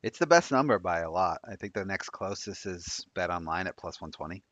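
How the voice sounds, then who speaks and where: A man in his thirties co-hosting a live betting stream, chatting quickly and reading odds off a screen. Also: deep voice, lively intonation, a bit bright, dry recording. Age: 30s. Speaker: sports betting show co-host. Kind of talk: casual live-stream chat. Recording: dry, dull lo-fi mic.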